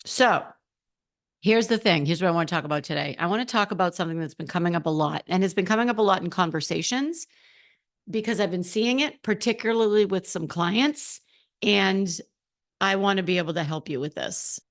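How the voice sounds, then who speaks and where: Talking fairly quickly in a voice on the low side, a slightly hoarse middle-aged woman coaches listeners on her casual solo podcast. She's animated and chatty, speaking straight to her audience.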